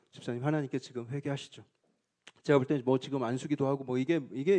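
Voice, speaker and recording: A middle-aged male pastor preaching a sermon, telling a story with lively acted-out prayers and cries. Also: a little high. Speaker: senior pastor.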